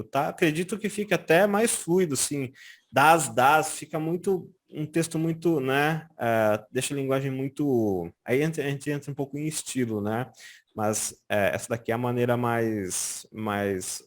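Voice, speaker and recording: A Brazilian man teaching German in a casual lesson, often checking in with "tá?" and saying German examples slowly and carefully. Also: mid-range voice. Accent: Brazilian Portuguese. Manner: lively, frequent "tá?" check-ins, slow careful German examples. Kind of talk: casual explanatory language lesson.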